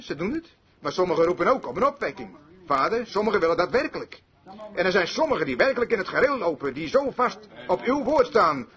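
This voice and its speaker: A man's voice: high-pitched, a bit bright. A man preaching a sermon, telling a story and acting out its dialogues.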